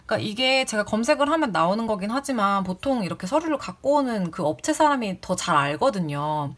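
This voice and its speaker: Telling a casual story about a rude visitor from her days as a community office clerk, a woman sounds indignant and voices the quoted people loudly. She speaks in an animated mid-range voice, a little fast.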